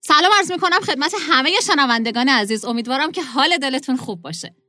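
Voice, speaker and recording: A woman hosting a radio talk show, chatting in a lively, playful way from the studio. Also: high-pitched, over music. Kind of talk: casual radio chat.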